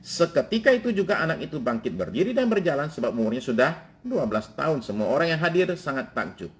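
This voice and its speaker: A man's voice: fairly high pitch, sing-song, quick pace. A male pastor preaching a sermon, moving from formal scripture reading to casual slang asides.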